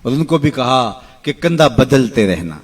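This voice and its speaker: Delivering a heartfelt sermon, a middle-aged male preacher moves between soaring cries and hushed lows while slowly chanting verses. He is very animated throughout.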